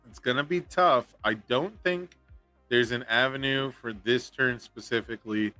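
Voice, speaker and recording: A man giving live, analytical commentary on a card game tournament, thinking through each possible play out loud. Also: medium pitch, normal speed, dry recording, soft background music.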